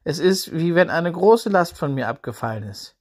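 A relieved and happy little girl, voiced by a man telling a Bible story. He raises his voice well above his normal pitch to mark her as a child. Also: lively intonation, normal speed, a little mellow. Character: young girl, joyful healed daughter.

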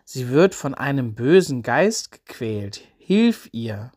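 A man's voice: medium pitch, big pitch swings, slow pace, darkish tone, husky, exaggerated voice. A man voicing a desperate foreign mother who begs for help for her sick daughter, in a spoken Bible story. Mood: pleading. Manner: urgent, begging.

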